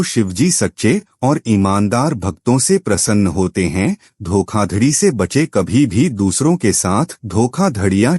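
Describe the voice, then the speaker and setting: Lively, low-voiced male devotional narrator. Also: no echo, clean studio sound. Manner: measured, instructive list reading.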